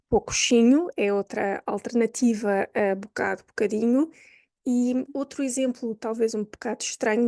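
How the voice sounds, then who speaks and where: Lisbon woman with a mellow voice, teaching. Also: a little high, no echo, clean studio sound. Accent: Lisbon Portuguese. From Portugal. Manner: chatty, thinks aloud with restarts and asides. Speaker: language teacher. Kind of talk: explaining lesson to camera.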